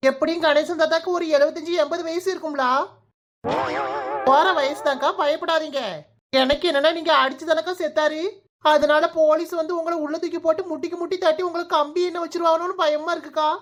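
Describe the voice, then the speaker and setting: A woman's voice: sits high, fairly even intonation, fairly quick, lightly acted. A woman voicing a cheeky young village girl in a cartoon, with a Kanyakumari Tamil accent. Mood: mock-worried.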